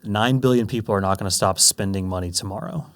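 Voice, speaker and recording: Man, low voice, casual podcast chat, emphatic, wry. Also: fast talker. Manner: earnest, emphatic, wry asides. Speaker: podcast co-host, financial planner.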